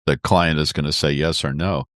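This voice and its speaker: A man speaking as a communication expert guest in an interview, explaining expressively and demonstrating pitch with his voice. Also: fairly even intonation, normal speed, a bit bright, no room sound, studio quality.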